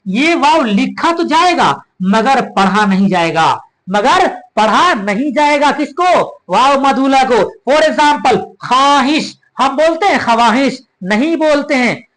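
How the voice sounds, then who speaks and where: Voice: high-pitched, a bit bright, low-quality recording. A patient teacher giving a grammar lesson, who repeats key terms, draws out example words and talks to viewers as students. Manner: addresses viewers as students, calls them child. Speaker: Urdu teacher. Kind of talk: classroom-style grammar lesson.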